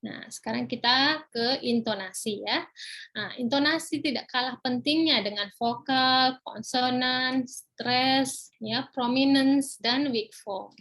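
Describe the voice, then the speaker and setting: In this pronunciation webinar, the woman's voice sits high with a slightly bright quality. Almost every phrase gets a "ya" or "nah," and she eases her pace for the English examples.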